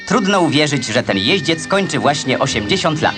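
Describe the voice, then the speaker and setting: A man gives old newsreel narration in a brisk, declamatory way. His voice sits a little high and swings widely in pitch. Loud music plays behind him throughout. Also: sing-song.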